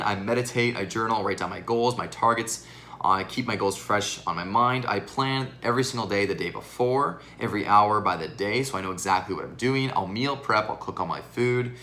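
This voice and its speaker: A young male fitness coach talks earnestly and straight to his viewers in a casual question-and-answer vlog. His voice sits on the low side yet comes out bright and forceful. It sounds a little worn after hours of teaching classes. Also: slight background noise. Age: 20s.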